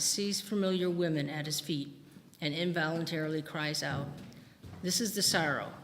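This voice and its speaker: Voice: mid-range voice, fairly bright tone, a little hiss or hum. A reader narrating a solemn, vivid retelling of an execution in a church. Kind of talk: dramatic scripture narration. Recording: long church reverb.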